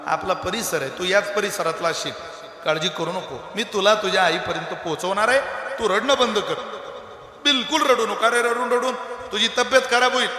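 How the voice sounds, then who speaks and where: A kind grown man coaxes a crying child, as a preacher acts him out. The voice rises high and bright, echoing through a hall with a long reverb. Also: moderate pace. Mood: coaxing. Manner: coaxing, soothing. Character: kind middle-aged man comforting a lost boy. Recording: echoey hall.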